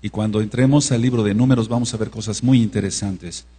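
A man from Mexico giving a teaching sermon as pastor, who checks in with the congregation and slowly spells out words. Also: on the low side, steady tone, dark tone, husky. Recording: reverberant hall with mains hum.

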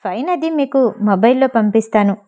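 A woman voicing a male traffic policeman who scolds briskly and then turns deferential. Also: on the high side, lively intonation, mellow, natural voice.

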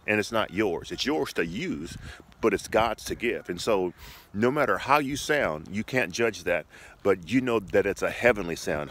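Low-voiced middle-aged man teaching informally outdoors. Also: a bit bright. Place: outdoors by a shoreline path. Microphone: phone at arm's length. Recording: clear outdoor ambient noise.

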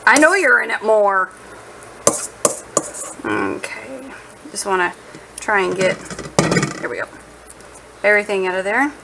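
With food sizzling in a noisy home kitchen, a woman vlogs as she cooks, chatting playfully and thinking out loud. She speaks unhurriedly in a gravelly, medium-pitched voice and pauses often.

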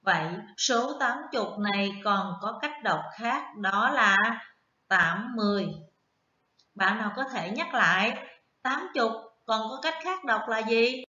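With lively intonation and a sharp, fairly high voice, a primary school teacher counts slowly through an online math lesson and invites her first graders to repeat each number. The sound is roomy, with the highs cut off.

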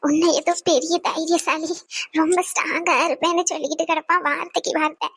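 A woman's voice: very high-pitched, flat delivery, brisk, a bit bright, no room sound. A woman voicing a stern but caring older mother in a cartoon who lectures and scolds her family. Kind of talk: cartoon voice acting.

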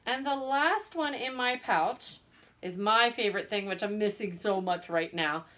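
A woman teaching young children from home, speaking slowly and clearly, sounding out words and encouraging them. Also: mid-range voice, fairly bright tone. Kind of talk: remote lesson for young children.

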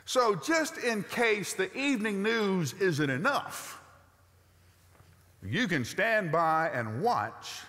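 A man in his sixties preaching a sermon from a church stage, animated and emphatic, with rhetorical questions and a Southern US accent. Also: high-pitched, slow pace. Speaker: pastor. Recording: long reverb of a large sanctuary.

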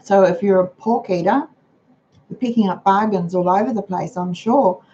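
Chatting casually on her frugal living livestream, a hoarse, croaky older Australian woman speaks at a moderate pace in a mellow, homely manner. She's at her dining room table at home. Her computer's webcam gives the sound a dull, low-fi quality with a little noise.

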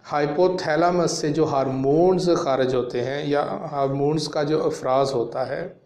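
A man in his thirties, a homeopathic practitioner, explaining a medicine to camera in a measured way with frequent fillers, in a small room. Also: fairly high pitch, a little mellow. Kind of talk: educational talk to camera. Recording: echoey room.

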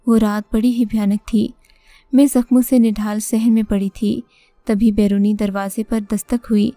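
A woman's voice: mid-range voice, flat delivery, warm tone, dry recording. A woman telling a first-person horror story in dramatic, scripted narration. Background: faint music.

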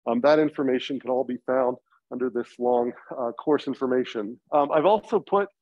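A man's voice: medium pitch, normal speed, no room sound. Masked man lecturing, slightly muffled. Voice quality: slightly muffled through a face mask. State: getting over a cold. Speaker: university lecturer. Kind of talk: informal lecture introducing a course. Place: lecture classroom. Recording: slightly dull, muffled classroom recording.

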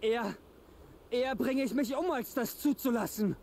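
An actor voicing a tormented outcast man who hears spirit voices, speaking in anguished, halting pleas. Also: very high-pitched, darkish tone, slight background noise. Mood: haunted. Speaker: game character.

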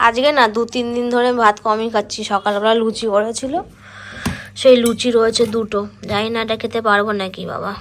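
A woman's voice: a little high, fairly even intonation, brisk, slight background noise. A young woman chatting casually to her viewers as she narrates her day in a vlog. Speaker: vlogger.

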